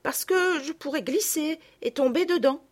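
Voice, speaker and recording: Woman voicing a gentle little girl, soft, tender, storybook reading. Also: sits high, normal speed, voice pushed up, natural voice. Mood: cautious.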